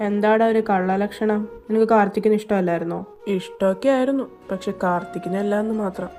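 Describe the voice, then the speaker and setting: A woman's voice: medium pitch, fairly even intonation, fast talker, mellow, soft background music. A woman reading a fan fiction audio drama, playing every role in teasing, bantering dialogue.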